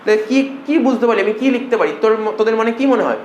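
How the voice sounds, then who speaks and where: Fast কথা বলা পুরুষ টিউটর, গুমগুমে ঘর. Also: male voice, high-pitched, fast, dull audio. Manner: coaxing, repetitive, asks students questions. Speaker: accounting tutor. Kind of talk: classroom lecture. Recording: echoey room, faint hum.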